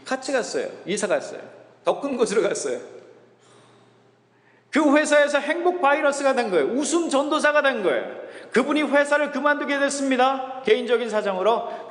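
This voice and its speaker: A man's voice: very high-pitched, lively intonation, brisk, a bit bright. A male pastor preaching a sermon, telling a story and acting out the people's words. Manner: storytelling preacher, acts out quotes. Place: church sanctuary. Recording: echoey church hall.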